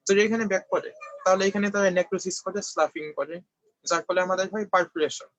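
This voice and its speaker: A young man from Bangladesh delivers a quick medical review lecture in a fairly high voice. He explains step by step and keeps checking that his listeners follow. The recording is dry and slightly dull, like a lo-fi home setup. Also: steady tone, fairly bright tone, no echo. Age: young adult. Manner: explanatory, frequent check-ins asking if students follow. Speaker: medical student tutor.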